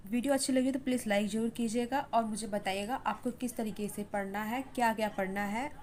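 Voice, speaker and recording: A woman's voice: fairly high pitch, fairly even intonation, a little mellow, a little hiss or hum. Patient woman teaching English vowel sounds. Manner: patient, repeats "ठीक है" often, stretches example words slowly. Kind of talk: spoken English pronunciation lesson.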